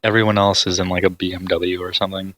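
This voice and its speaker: A man with a low, bright voice narrates a tabletop game as its game master. He talks in a level, even tone and voices the sounds he describes. It sounds like voice chat through a headset. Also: quick pace, slight background noise. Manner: descriptive, mimics sounds with his voice.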